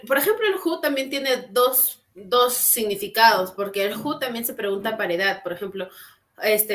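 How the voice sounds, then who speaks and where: A woman's voice: medium pitch, a bit bright. A woman teaching English in an online class, explaining patiently and checking in with her students through frequent tag questions. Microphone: computer mic on video call.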